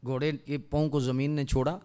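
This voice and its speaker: A man preaching a storytelling sermon, dropping to hushed tones and rising to loud cries. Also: medium pitch, level tone, clean tone.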